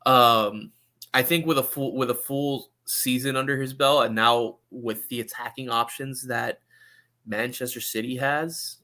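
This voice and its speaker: A man talks soccer casually as a podcast pundit, halting and often repeating words as he qualifies what he says. His voice is medium-pitched and sharp, with fairly even intonation.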